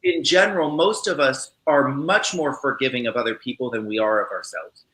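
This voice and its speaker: A man's voice: mid-range voice, moderate pace, a bit bright, a little hiss or hum. A male host making thoughtful, emphatic points in a casual panel chat. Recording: roomy echo.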